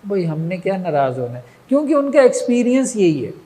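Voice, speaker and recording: A man's voice: high voice, big pitch swings, fairly quick, mellow. A man giving a religious lecture, who keeps asking rhetorical questions and checking that his listeners follow. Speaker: religious teacher. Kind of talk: lecture on moral training. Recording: long reverb.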